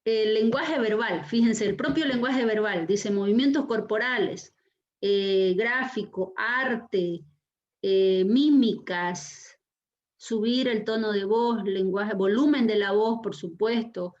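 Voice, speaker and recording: Woman, university lecturer, online class, expressive and emphatic, mid pitch, muffled video call audio. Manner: very expressive, emphatic, slows to stress words. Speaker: university lecturer and session host. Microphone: video call microphone.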